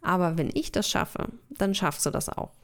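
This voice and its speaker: A woman's voice: fairly low pitch, lively intonation, normal speed. A woman hosting her own solo podcast, explaining things casually and conversationally into a microphone, with the odd filler. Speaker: podcast host. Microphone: studio microphone with headphones.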